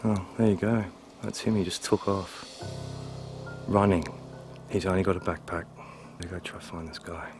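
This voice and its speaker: Deep-voiced Australian man, laconic outback drawl. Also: steady tone, measured pace, pauses often. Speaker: YouTuber exploring eerie places. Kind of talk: handheld vlog commentary. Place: outdoors in a forest. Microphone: handheld camera. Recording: outdoor handheld camera audio under loud music.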